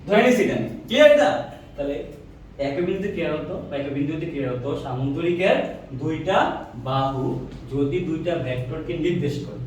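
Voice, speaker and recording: A male physics teacher lecturing a class, firing quick questions and repeating answers in a call-and-response drill. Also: a little high, expressive, a little mellow, slight background noise. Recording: echoey room, mic far off.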